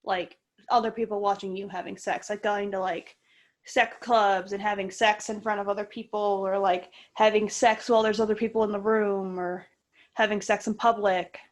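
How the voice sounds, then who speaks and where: A woman of about thirty co-hosts a casual podcast, talking frankly and jokingly. Her voice sits at an ordinary middle pitch, and her talk is loose and full of fillers. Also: level tone, normal speed. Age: 30s. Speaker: podcast co-host. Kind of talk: casual chat.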